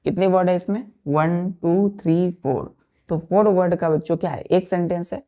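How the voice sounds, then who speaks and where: A woman's voice: lowish voice, moderate pace, warm tone. A woman teaching an English vocabulary lesson to students, spelling out words letter by letter and often checking that they follow. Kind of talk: slow classroom vocabulary lesson.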